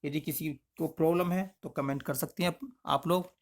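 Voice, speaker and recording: Guy teaching maths step by step, kinda high voice, keeps saying okay. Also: fairly even intonation, a little fast. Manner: explains in plain spoken steps, with frequent checks like "okay". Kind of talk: step-by-step lesson explanation.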